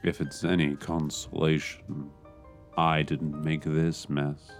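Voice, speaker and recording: A man's voice: a bass voice, flat delivery, slow pace, soft background music, heavily acted. A man playing a sultry, sneaky female knife-wielding intruder in a comedy audio drama, purring and teasing.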